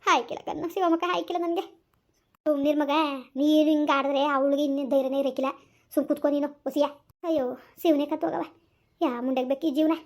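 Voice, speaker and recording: A woman's voice: high voice, steady tone, darkish tone. A woman playing a wailing older village mother. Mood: despairing. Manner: wailing, scolding, rapid rural speech. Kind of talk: village family drama.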